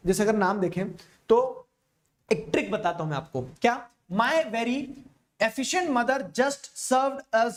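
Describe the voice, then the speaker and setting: Male geography teacher with a high voice. Chatty and informal, checks often that the class is keeping up. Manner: keeps asking listeners if they follow; casual, chatty teaching with small jokes. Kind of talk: explanatory lecture.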